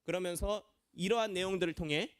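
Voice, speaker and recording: A man's voice: high voice, fairly quick, smooth, dry recording, clean studio sound. A young man, a junior pastor, preaching a children's sermon in a church classroom, quizzing the kids and acting out voices. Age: young adult.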